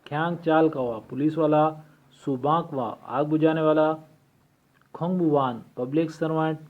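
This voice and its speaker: A man teaching a language lesson from a textbook, reading vocabulary slowly and repeating each word for practice. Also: on the high side, steady tone. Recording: tinny phone-like recording.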